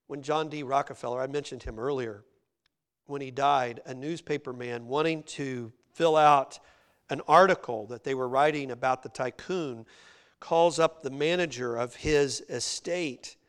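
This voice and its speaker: A man preaching a sermon, dropping to quiet low passages and then rising loud and emphatic. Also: a little slow, smooth.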